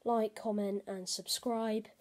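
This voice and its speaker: A woman's voice: mid-range voice, flat delivery, slow, a little mellow. A woman vlogging a casual how-to from her bedroom. She rambles with lots of fillers and talks into a camera set on the bed. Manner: rambling, full of "basically" and "like" fillers. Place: bedroom, indoors. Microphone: camera mic set on the bed.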